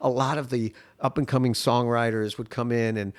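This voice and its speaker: A middle-aged man hosting a podcast, telling stories in a chatty, animated way. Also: mid-range voice, normal speed. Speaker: podcast host. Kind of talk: casual conversational interview.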